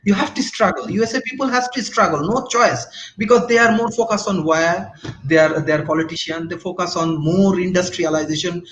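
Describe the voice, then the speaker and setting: A man's voice: high-pitched, brisk, fairly bright tone, reverberant, a little hiss or hum, rough recording. A man from Bangladesh speaking on an online panel discussion, hesitant, with many restarts and fillers. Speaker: panel guest.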